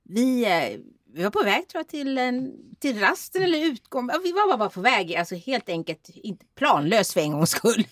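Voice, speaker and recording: Lively woman telling a story. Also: a little high, dry recording, studio quality. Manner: animated, laughing, acts out quotes. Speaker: podcast co-host. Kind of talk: casual chat, storytelling.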